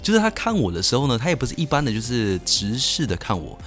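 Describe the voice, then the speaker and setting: A young man from Taiwan, hosting a podcast and telling a story in an animated way, full of restarts and self-answered asides. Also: medium pitch, fast, faint music behind. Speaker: podcast host.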